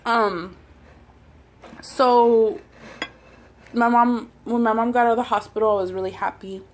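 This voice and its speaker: A woman's voice: a little high, fairly even intonation, measured pace. A woman talking casually and chewing as she goes, telling personal stories in a hesitant, rambling way between bites, like a mukbang vlogger. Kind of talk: casual personal storytelling while eating.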